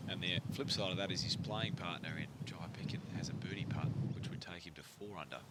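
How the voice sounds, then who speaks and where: A man's voice: sits low, fast, heavy background noise. A man giving live, conversational golf commentary and analysis.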